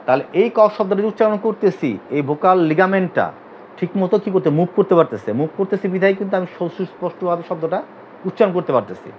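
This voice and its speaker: A fast-talking, expressive man with a high-pitched voice teaches an anatomy class in Bangladesh, where he works as a physiotherapy teacher. He keeps quizzing students, having them repeat terms and drilling them with repeated questions. The lo-fi recording sounds dull, with a little hiss or hum.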